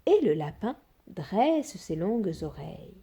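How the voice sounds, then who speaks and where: A woman reading a children's fairy tale aloud in an expressive, sing-song storytelling manner. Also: medium pitch, a little slow, breathy edge.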